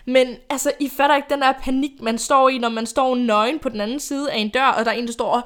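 Young female podcast host telling stories, chatty and rambling, smooth clear tone. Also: sits high, steady tone. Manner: rambling, chatty, laughs often. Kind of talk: casual storytime chat.

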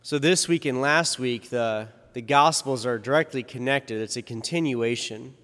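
A man's voice: medium pitch, normal speed, a bit bright. A man speaking as a priest at a church service, his voice carrying in a long cathedral echo. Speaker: priest giving a Gospel reading and homily. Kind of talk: church sermon. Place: large reverberant church.

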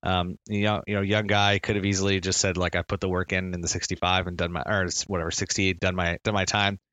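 A man's voice: low-pitched, little pitch movement, fast, fairly bright tone, smooth, no echo. A Canadian man co-hosting a casual sports podcast, laughing often and restarting his sentences. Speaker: podcast co-host. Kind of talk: casual fan chat.

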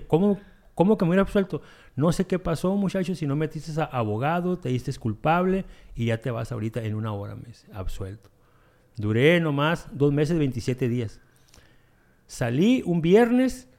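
A man telling his recovery testimony, halting and repeating himself, acting out dialogue as he goes. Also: mid-range voice, darkish tone. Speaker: guest sharing a recovery testimony. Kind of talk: emotional personal storytelling.

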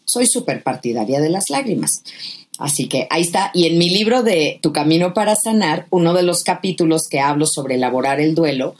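A woman's voice: sits low, lively intonation, a little fast, a little mellow. A woman, a guest author giving emphatic, impassioned advice about grief in conversation.

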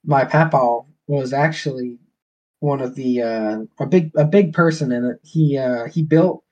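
Speaking a little slowly in a mid-range, slightly mellow voice, a Southern-accented man from Georgia, USA, chats casually and tells stories as a podcast guest. The call audio is dull and lo-fi.

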